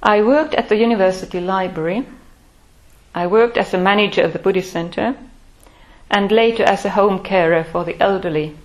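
Recounting her life story, a reflective Finnish woman in her sixties who belongs to a Buddhist order speaks in a mid-range voice. She is measured and thoughtful, pausing often.

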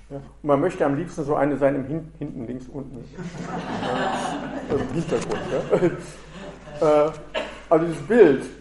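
A man's voice: medium pitch, a little mellow. A man teaching a Buddhist dharma talk, thinking aloud and often checking in with a questioning "ja?". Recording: roomy echo.

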